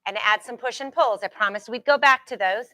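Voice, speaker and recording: A woman fitness instructor with a fairly high, very bright and forceful voice, recorded dry and close. She coaches a group workout in short, repeated cues and countdowns, with steady encouragement and reassurance. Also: brisk, no room sound. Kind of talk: live group exercise class coaching.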